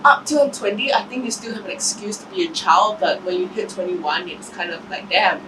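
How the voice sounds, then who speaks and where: A woman in her early twenties talks fairly quickly in a mid-range voice through a reflective personal vlog, thoughtful and self-correcting, with some casual swearing. She sounds a bit off-mic and distant, with room noise audible.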